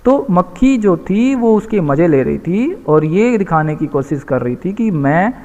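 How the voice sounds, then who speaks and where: A male teacher walks young pupils through a children's story, patiently explaining difficult words and checking in with them often. His voice sits a little higher than most men's. A long hall reverb hangs on every phrase. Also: big pitch swings, a little slow, a little mellow, highs cut off.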